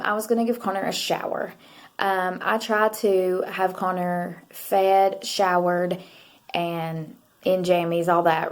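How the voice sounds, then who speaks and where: A young adult woman, chatting to camera as she tells a story, rambling with many fillers and asides. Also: on the low side. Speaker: mother and vlogger.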